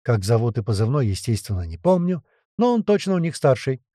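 A man reading an adventure story aloud as a narrator, in a lively storytelling manner. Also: medium pitch, fairly quick, dry recording, clean studio sound. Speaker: audiobook narrator. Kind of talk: scripted narration.

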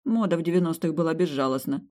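A woman's voice: low-pitched, quick pace, dark tone. A woman narrating a humorous fantasy audiobook in the first person, with a wry, conversational delivery.

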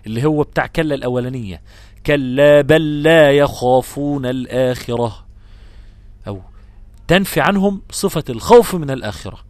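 A man's voice: fairly high pitch, no echo. Man teaching with an Egyptian accent. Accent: Egyptian Arabic. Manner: explains patiently, repeats examples, chants verses slowly. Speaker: Quran recitation teacher. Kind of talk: explanatory lesson.

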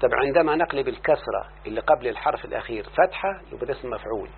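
Egyptian male teacher, mid-pitched, drills a student with questions, lo-fi tinny tape with hum. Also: lively intonation, rapid-fire, creaky. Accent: Egyptian Arabic. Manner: checks understanding with constant questions to the student. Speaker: teacher of Arabic morphology. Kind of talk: classroom lesson. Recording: tinny lo-fi recording with faint hum.

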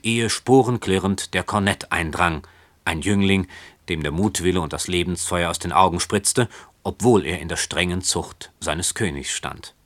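A man narrating a literary story in a measured, calm way. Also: deep voice, dry recording. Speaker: audiobook narrator.

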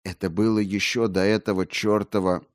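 A wild-eyed, rambling male collector, his voice climbing high and getting loud as he pleads and nearly shouts, performed by a man reading a story. The sound is dry and close. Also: level tone, normal speed, no echo, natural voice. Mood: feverish. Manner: feverish, pleading, rising to near shouts.

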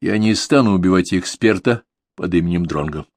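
A man doing a terse, hoarse hired killer. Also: low-pitched, dry recording. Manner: calm, terse, deliberate. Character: cool, stubborn male hired killer.

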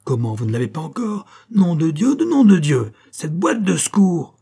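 A man's voice: medium pitch, expressive, fairly quick, warm tone, husky. A man voicing a pompous, self-important theatre director in his fifties who bellows and swears. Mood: bellowing. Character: pompous loud fiftyish male theatre director.

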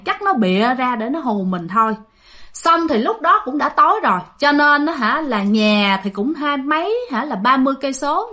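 A woman with a Southern Vietnamese accent tells a ghost story in a chatty, casual way, turning to her listeners again and again. Her voice sits a little high and sounds bright and clear. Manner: chatty, addresses listeners directly with many fillers.

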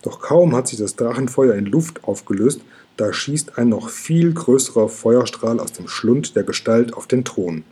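A man narrating a children's storybook in a very husky, breathy voice. His tone is dark and mellow, calm and hushed. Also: medium pitch, unhurried. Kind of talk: reading a children's book aloud.

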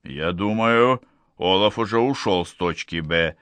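A man's voice: sits low, measured pace, fairly bright tone, clean tone, no echo. A man doing a doubtful, winded scientist. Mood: skeptical. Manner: doubtful, short of breath.

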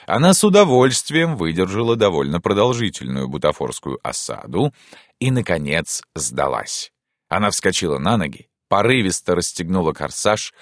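A male narrator reads a classic novel in a measured storytelling manner. His voice is low and deep, recorded close and dry. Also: no echo. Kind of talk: audiobook narration.

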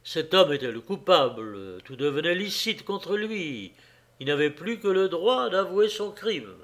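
A man reading a novel aloud as an audiobook narrator, in a slow, measured way. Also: fairly high pitch, big pitch swings, fairly bright tone. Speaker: audiobook reader.

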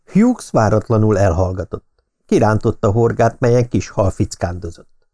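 A man reading an audiobook, telling a first-person story in a steady manner. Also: fairly low pitch. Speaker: audiobook narrator.

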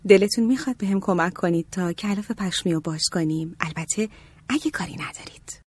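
A man voicing a playful young woman in an audiobook, in a soft, high falsetto with a teasing manner. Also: breathy edge, no room sound. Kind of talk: audiobook character voice.

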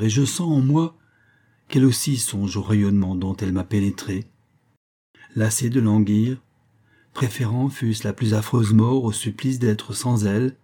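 A man's voice: medium pitch, dark tone, husky. A man reading the part of a proud, cunning young poet who pleads and defies with passion. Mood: impassioned. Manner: impassioned and defiant pleading. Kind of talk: audiobook reading.

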